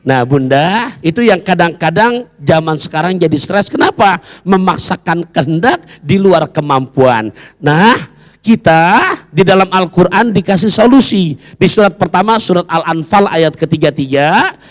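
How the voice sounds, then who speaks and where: Animated male preacher in an echoing hall. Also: unhurried. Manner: playful, joking, recites rhymes, swings pitch widely. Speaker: Islamic preacher. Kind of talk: humorous sermon to a women's study group. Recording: long hall reverb.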